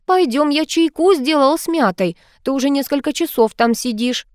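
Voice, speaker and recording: A woman's voice: sits high, normal speed, a little mellow, dry recording, clean studio sound, voice pushed up, close to an everyday voice. A woman voicing a fussy, fawning male cat familiar who talks in an anxious, wheedling way.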